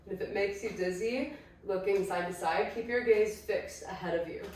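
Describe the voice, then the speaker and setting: A woman with a croaky voice from illness leads a chatty, encouraging guided exercise class at home. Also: mid-range voice, normal speed, slight background noise. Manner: chatty, encouraging, self-correcting. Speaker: pilates instructor. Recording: very echoey room, distant mic, faint ambience.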